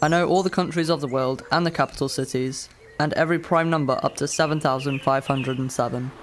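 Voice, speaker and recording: In a radio drama, a man plays a precise, literal-minded fifteen-year-old boy, handling both narration and dialogue in a matter-of-fact way. His medium-pitched voice is close to everyday speech, brisk and fairly even in intonation, with a slight hiss or hum in the recording.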